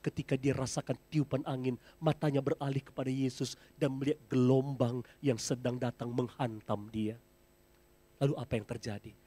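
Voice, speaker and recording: A male pastor preaching a sermon in a church, speaking directly to his congregation and softening at the ends of phrases. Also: medium pitch, husky. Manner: addresses the congregation as brothers and sisters, drops to a soft close.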